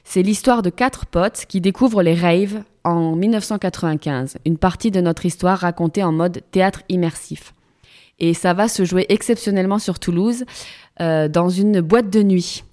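A woman's voice: fairly low pitch, normal speed, a little mellow. A woman in her thirties from France, a radio theatre columnist chatting casually with many fillers and restarts. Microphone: studio microphone.

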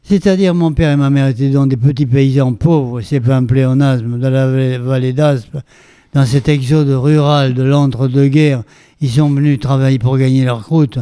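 An older man from France, a veteran stage performer telling his life story in an interview, theatrical and animated with frequent restarts. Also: mid-range voice, moderate pace, clear, resonant tone, dry recording.

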